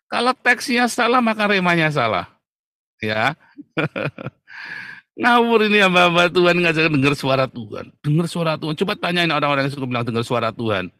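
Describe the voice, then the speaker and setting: A man's voice: fairly high pitch, bright, forceful tone, dry recording. A man preaching to an audience in a blunt, mocking tone, often laughing at the people he criticizes. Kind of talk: combative preaching talk.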